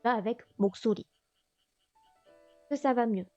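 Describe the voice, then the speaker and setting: A woman's voice: a little high, fairly quick, a little mellow, dry recording. A woman teaching a beginner language class on a livestream, thinking aloud with lots of fillers. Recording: dull lo-fi stream audio, faint music.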